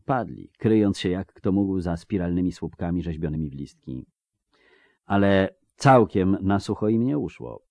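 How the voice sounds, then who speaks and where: A man narrating an audiobook in a steady, dramatic reading style. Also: low-pitched, moderate pace, no room sound, lo-fi sound. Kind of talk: scripted narration.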